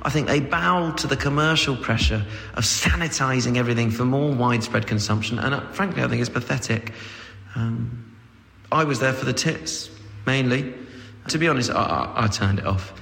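A pompous fan rambles on and on, full of "you know", as a man plays him. His voice is gravelly, and it rings out in a roomy, echoing hall with a long tail. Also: mid-range voice, normal speed, a bit bright. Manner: rambling, pompous, filler-heavy. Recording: echoey hall.

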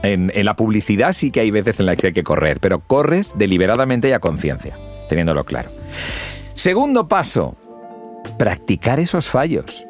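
Middle-aged male host, low register, very expressive delivery, coaching tone. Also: moderate pace, faint music behind. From Spain. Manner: lively, demonstrates pronunciation with exaggerated examples. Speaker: podcast host and public speaking mentor. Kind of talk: instructional podcast talk.

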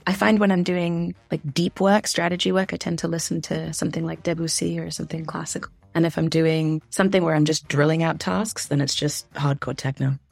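A young adult woman answering podcast interview questions in a candid, chatty way with quick asides. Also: low-pitched, little pitch movement, creaky, darkish tone, dry recording, faint music behind. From grew up in the Philippines, the States and Tunisia. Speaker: guest, diversity and inclusion consultant.

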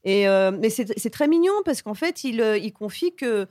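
A woman co-hosting a podcast, describing a film in a hesitant, halting way with frequent laughter. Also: a little high, animated, a little mellow, no echo, studio quality. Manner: hesitant, many fillers and restarts, giggly. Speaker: podcast co-host. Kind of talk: casual chat.

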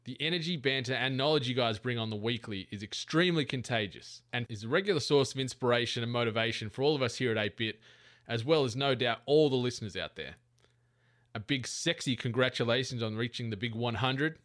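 Mid-pitched man, prepared message. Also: a little fast, a bit bright. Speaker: podcast co-host sending a message.

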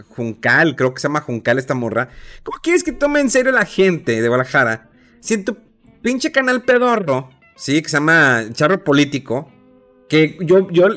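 A man with a Mexican Spanish accent chats casually and animatedly about his opinions, using slang and mocking other people in put-on voices. His voice is on the high side, with a sharp tone.

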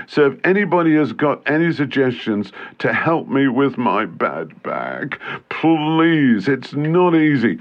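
A man with a medium-pitched voice rambles through a comic voicemail in a self-pitying, complaining manner. He sounds like a radio presenter talking about himself. The recording is a little dull and lo-fi. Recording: slightly dull, lo-fi voice message.

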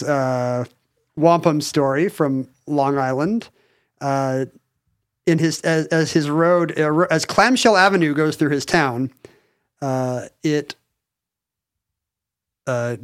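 An American man co-hosting a podcast, rambling and halting, with dry humor. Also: a little high. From United States. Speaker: podcast co-host. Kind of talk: casual chat. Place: Pacific Northwest.

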